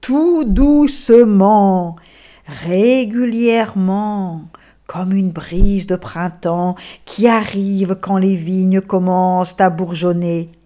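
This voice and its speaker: Woman doing a bossy old ox, loud and slow. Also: fairly low pitch, little pitch movement, voice pushed down. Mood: coaxing. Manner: loud, commanding, then slowing to coax. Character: bossy old male ox giving orders.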